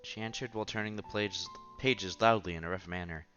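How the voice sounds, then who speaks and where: This streamer plays a visual novel and reads its story aloud, adding offhand comments and sometimes tripping over words. He has a low, steady, fairly bright voice and speaks fairly quickly. The audio is muffled and lo-fi, backed by the visual novel's music.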